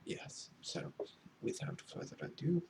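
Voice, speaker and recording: A man playing a pretentious, fussy librarian in a whispered role-play, half-whispered and breathy, with halting, wordy, condescending delivery. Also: background noise, lightly acted. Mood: halting, grandiose. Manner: pompous, halting, theatrically wordy. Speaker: ASMR role-play performer.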